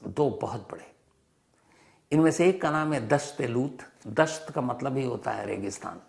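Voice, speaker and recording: Here a crime and history show host tells a story-driven explainer in a gravelly, medium-pitched voice. He leans into drama and emphasis, echoing certain phrases to drive them home.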